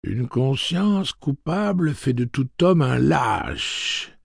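A man's voice: mid-range voice, sing-song, slow pace, gravelly, husky, no room sound, studio quality, pitched above the performer's own voice, full character voice. A man voicing a prissy, condescending male robot with a suave, slightly effeminate manner, read as an audiobook character voice. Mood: smug.

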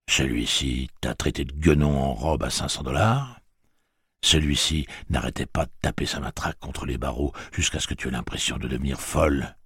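A stern male gunslinger mentor from a spoken storybook, read by a man. His speech is blunt and flat, with very little warmth. His voice is extremely deep, raspy and dry. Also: dry recording, heavily acted.

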